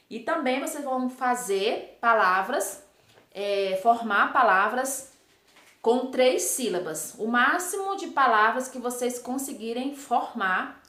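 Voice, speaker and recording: A woman teacher talks patiently through a recorded class, checking in with her young pupils after almost every step. Her voice sits a little high. The room around her rings with a noticeable echo. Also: fairly bright tone. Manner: patient, explanatory, checks in with tag questions. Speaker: primary school teacher. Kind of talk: recorded remote class lesson. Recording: echoey room.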